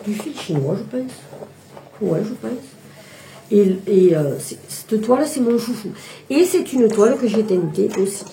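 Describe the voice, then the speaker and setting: A woman's voice: medium pitch, creaky, warm tone, a little hiss or hum. A woman casually showing her cross-stitch projects, talking with many hesitations and restarts. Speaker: embroidery vlogger. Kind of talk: casual show-and-tell chat.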